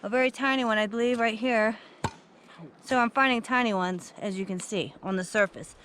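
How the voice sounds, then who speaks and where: Excitable chatty woman outdoors. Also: fairly high pitch, moderate pace. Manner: excitable, chatty, addresses viewers directly. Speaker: vlogger. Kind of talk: casual outdoor vlog narration. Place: outdoors at a dig site. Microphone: handheld camera.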